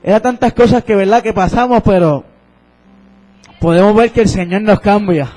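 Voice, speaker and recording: A man's voice: high-pitched, normal speed, a little mellow, low-quality recording. A young man preaching a sermon and telling his own testimony, fervent and repeating phrases.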